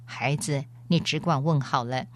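A woman voicing a great male lion who is wise, gentle and stern, speaking in a calm, measured, fatherly way. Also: extremely low pitch.

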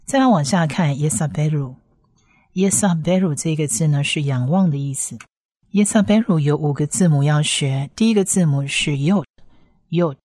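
A woman with a deep, low voice leads a pronunciation lesson, patiently repeating each sound so learners can follow. The recording is dry, with no room echo. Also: moderate pace, darkish tone. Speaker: Hebrew teacher.

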